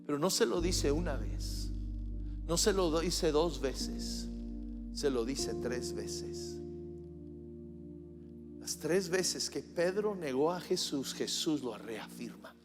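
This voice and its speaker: A man preaching a live church sermon, swinging from loud declarations to hushed, soft passages. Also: on the high side, expressive, slow pace, pauses often. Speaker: pastor. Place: church sanctuary during a service. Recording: reverberant church hall with faint music.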